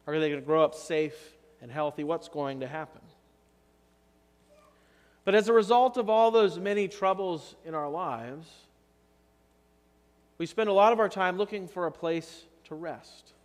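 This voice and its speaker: Standing at the altar, a thirty-something pastor delivers his sermon slowly and earnestly, letting pauses carry the weight. His voice runs slightly high for a man, and each line rings out in the sanctuary's long reverb.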